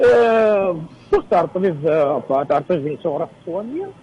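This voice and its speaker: A man phoning in to a radio show, telling a rambling story with many pauses and fillers. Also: high-pitched, animated, a little mellow, dull audio, slight background noise. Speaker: caller. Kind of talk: phone call to a radio show.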